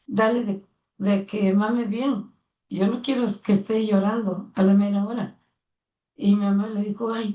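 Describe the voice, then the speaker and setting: An older woman with a Mexican accent tells her son her life story in conversation, earnest and heartfelt, acting out remembered dialogue. Her voice is mid-range and mellow, picked up by a distant mic with a roomy sound.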